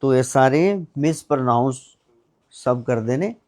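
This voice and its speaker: A man teaching English pronunciation, drilling words one at a time in a slow, deliberate way. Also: mid-range voice, steady tone, darkish tone.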